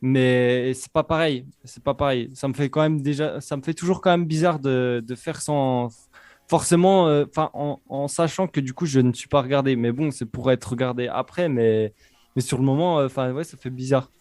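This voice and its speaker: A young man with a Franche-Comté French accent, a DJ chatting casually as a guest, pausing often and restarting his sentences. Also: medium pitch, a little mellow, clear, resonant tone, dry recording. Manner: hesitant, many fillers and restarts. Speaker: DJ and Twitch streamer, guest. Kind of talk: casual interview chat.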